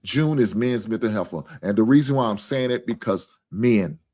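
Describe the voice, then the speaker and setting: A man's voice: lowish voice, expressive, moderate pace, dark tone. A man hosting a live sports stream in casual, profane talk, earnest and repetitive.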